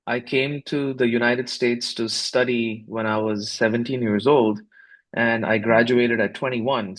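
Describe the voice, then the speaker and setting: Man, 50s, from India, podcast guest, measured and reflective, mid-pitched voice. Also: a bit bright. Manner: reflective, measured, with frequent fillers and restarts. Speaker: guest, startup founder. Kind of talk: casual podcast interview.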